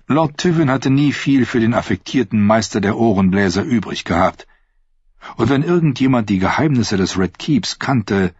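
Low husky man narrating an audiobook. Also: dry recording. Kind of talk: scripted narration. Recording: dull dry lo-fi recording.

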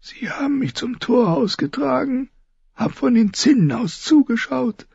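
A frail dying old lord. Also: male voice, extremely high pitch, expressive, vocal fry, a little mellow, slightly rough, no echo, muffled recording, pitched above the performer's own voice, full character voice. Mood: wistful. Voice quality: thin trembling whisper, crying. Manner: halting, wandering sentences. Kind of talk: audiobook reading.

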